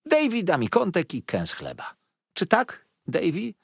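A man's voice: sits high, huge pitch swings, a little slow, vocal fry, slightly rough, no room sound, clean studio sound, voice pushed up, exaggerated voice. A man doing a fiery, loyal old servant woman. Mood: indignant. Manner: emphatic, indignant exclamations.

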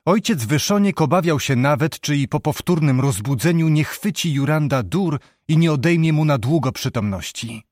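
A man narrating a historical novel in a measured, steady storytelling voice. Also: fairly high pitch, no echo. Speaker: audiobook narrator. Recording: dry close studio sound.

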